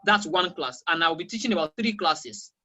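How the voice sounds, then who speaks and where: Over a video call, a Nigerian teacher of English who speaks Yoruba and has a Nigerian accent answers interview questions as a guest. Her medium-pitched voice is bright and forceful, with lively intonation at a moderate pace, and she speaks emphatically, repeating key phrases.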